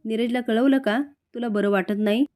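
Concerned motherly woman, fussing, voiced by a woman reader fairly high. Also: steady tone, moderate pace, warm tone, lightly acted. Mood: caring. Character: caring middle-aged mother-in-law.

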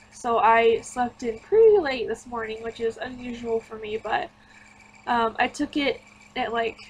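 A woman's voice: fairly high pitch, fairly bright tone, slight background noise, rough recording. A woman giving casual, rambling voice-over commentary on a home-building game. She sounds tired and chatty, drifting from one thought to the next. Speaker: gaming YouTuber.

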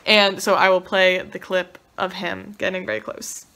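A young woman vlogger telling a story in a casual, excited way, swearing freely. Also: fairly low pitch, normal speed, over loud music. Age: young adult.

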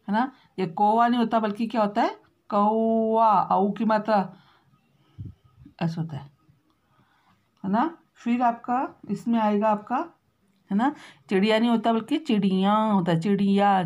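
Woman teacher spelling words out slowly. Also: medium pitch, a little mellow. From Uttarakhand, India. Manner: slow, drawn-out spelling out of words; constant tag questions to pupils. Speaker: primary school teacher. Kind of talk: spelling lesson for children.

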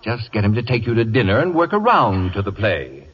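An actor playing a caustic, domineering middle-aged celebrity critic with an acid, teasing manner in a 1950s radio drama. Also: male voice, on the low side, big pitch swings, fairly quick, breathy edge. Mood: imperious. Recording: dull lo-fi 1950s radio broadcast.

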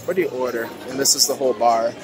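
A fast-talking young vlogger with a mid-range voice films his walk around a large indoor buffet restaurant on a handheld phone. His narration is casual and upbeat, loaded with "ooh"s and "uh"s, and the noisy video includes background music along with diner chatter and clatter.

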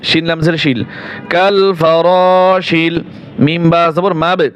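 Slow, high-pitched man teaching recitation. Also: steady tone, a bit bright, clear, resonant tone, faint music behind. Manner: patient, drawn-out syllables, sing-song recitation. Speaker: Quran teacher. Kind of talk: spelling out and reciting verses slowly.

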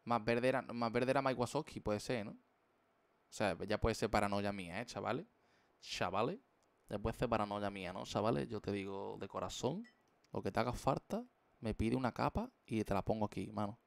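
Gravelly streamer, dry mic. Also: male voice, lowish voice, normal speed, no room sound. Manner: playful, slangy, jokey rambling. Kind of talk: casual live-stream chat while drawing.

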